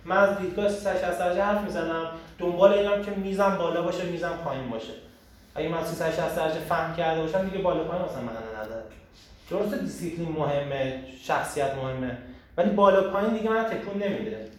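A man hosting a casual group talk on personal growth, animated and emphatic, often asking rhetorical questions. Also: a little high. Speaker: host leading a group discussion. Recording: echoey room, far from the mic, faint noise.

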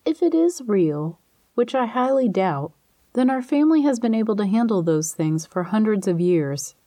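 A woman's voice: medium pitch, expressive, moderate pace, dark tone, dry recording, clean studio sound, natural voice. A woman voicing a skeptical adult sister who teases and mocks her brother, in a storybook reading. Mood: teasing. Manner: teasing, amused.

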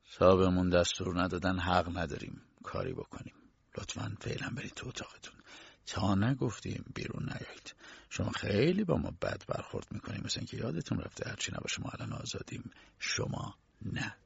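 Man doing a low, curt officious guard. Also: big pitch swings, creaky, breathy edge, no room sound, exaggerated voice. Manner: low, hushed, clipped. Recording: dull lo-fi dry recording.

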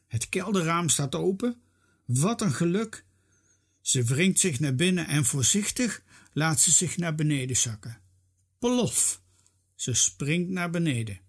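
A narrator reading a children's story aloud with lively expression. The voice is husky and unhurried. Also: mid-range voice.

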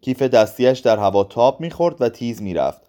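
A man narrating a literary audiobook in a calm, measured reading voice. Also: mid-range voice.

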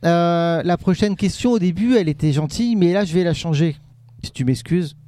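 A man hosting a radio quiz with young guests, teasing and amused, tossing out quick asides between questions. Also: a little high, dark tone, dry recording. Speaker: radio show host running a quiz.

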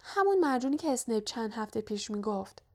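A clever, cautious young schoolgirl witch played by a woman reader speaks in a high, hushed, knowing voice. She is careful and quick in this audiobook. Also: very animated.

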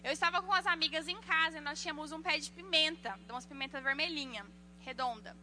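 A woman giving a sermon on parenting, telling lively personal stories and acting out the voices of the people in them. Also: sits high, fast talker, slight background noise. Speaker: church speaker.

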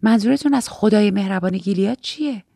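A woman reading aloud and voicing a reserved young woman in training who speaks quietly and with restraint. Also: medium pitch, gravelly, dry recording, clean studio sound. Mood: restrained.

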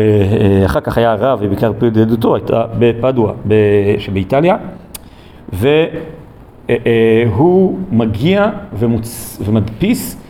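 A male Torah teacher gives a recorded lesson in a room. His voice is mellow and soft-edged, and he pauses often on long filler sounds as he thinks. A faint hiss of noise sits behind him. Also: medium pitch. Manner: hesitant, many drawn-out fillers.

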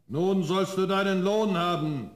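A man's voice: high-pitched, unhurried, background noise. A man voicing a huge, crafty spirit freed from a bottle, pleading and then solemn, in a fairy-tale radio play.

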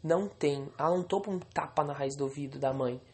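Gravelly young man ranting angrily. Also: fairly high pitch, brisk, darkish tone. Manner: angry, venting, swearing. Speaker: podcaster. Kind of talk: solo podcast rant. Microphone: home recording, alone.

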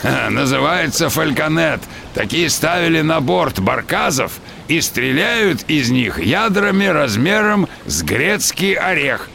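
A man's voice: on the high side, big pitch swings, a little slow, vocal fry, background noise, full character voice. A man playing a hearty seafaring uncle who commands and explains things to children in a radio adventure drama. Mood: commanding, knowing. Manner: commanding, explanatory, salty sailor talk.

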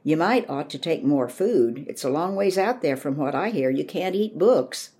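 A woman's voice: sits low, lively intonation, moderate pace, mellow, slightly rough. Folksy, blunt neighbor man, read by a woman.

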